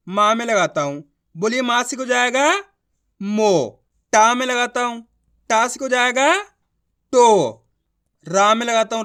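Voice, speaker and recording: A young man teaching beginners to read, patient and repetitive, often asking if it is clear and spelling out syllables slowly. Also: very high voice, pushed and bright. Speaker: Hindi teacher. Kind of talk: beginner reading lesson.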